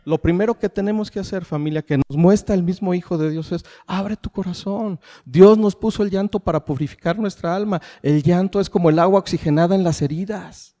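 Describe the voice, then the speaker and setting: A middle-aged Mexican pastor preaches from the pulpit, his voice set a little high for a man yet dark and mellow in tone. He works through rhetorical questions and answers them himself. The sound rings with the long reverb of a large hall. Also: brisk, hardly any pauses. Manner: preaching with rhetorical questions, calls the congregation "familia". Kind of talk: sermon.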